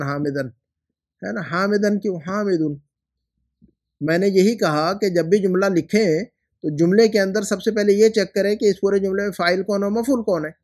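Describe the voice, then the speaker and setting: A man teaching Arabic grammar, patiently correcting students' homework, repeating rules and slowly spelling out phrases. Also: high-pitched. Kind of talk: correcting homework in a language lesson.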